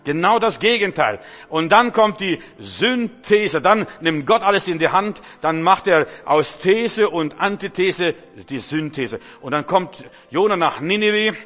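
A man's voice: high-pitched, animated, a little slow, a bit bright. Emphatic preacher man in a reverberant hall. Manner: emphatic, repeats words, speaks straight to the listener. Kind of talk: sermon. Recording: reverberant hall with faint music.

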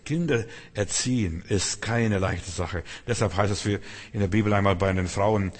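A man's voice: on the low side, in a large hall. A man preaching a sermon, earnest and exhorting, speaking straight to the listener.

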